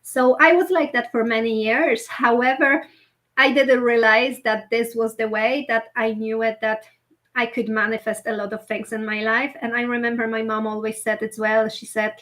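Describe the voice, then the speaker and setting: A woman in her thirties with a Polish accent talks in a casual interview, her voice sitting a little high. English is not her first language, so her phrasing is loose and she restarts her sentences often, but she keeps chatting openly and easily. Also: fairly even intonation, moderate pace, a bit bright. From Poland. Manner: chatty and open, non-native phrasing with many restarts. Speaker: guest entrepreneur.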